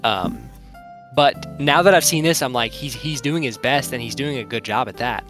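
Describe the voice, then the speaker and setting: A young man co-hosts an anime review podcast, rambling through casual chat and leaning heavily on "like" and other fillers. His mid-range voice is a bit bright and moves at normal speed, with faint music in the background.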